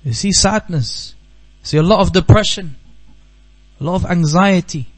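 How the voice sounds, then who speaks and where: A man from the UK gives an earnest religious talk at a seminar in a high, raised voice, driving his points home by repeating them. A low electrical hum runs underneath the recording. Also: moderate pace, husky, poor audio. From United Kingdom. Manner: earnest storytelling, repeats key phrases for emphasis. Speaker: Islamic teacher. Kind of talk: Q&A talk after a religious lesson. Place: seminar hall.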